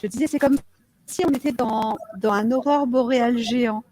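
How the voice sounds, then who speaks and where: A woman's voice: on the high side, fairly even intonation, a little fast, warm tone. A woman speaking over a call through a crackling, breaking-up microphone, describing what she sees in an awed way. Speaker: guest in a group session. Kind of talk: casual conversation over a call. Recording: crackly distant mic on a call.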